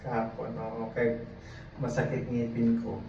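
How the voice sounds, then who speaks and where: A man's voice: mid-range voice, completely flat delivery, measured pace, a little mellow, slight background noise. Chatty rambling man, echoey and distant. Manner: chatty, rambling, laughs often. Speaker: vlogger. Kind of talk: casual chat while doing laundry. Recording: echoey, dull, from far off.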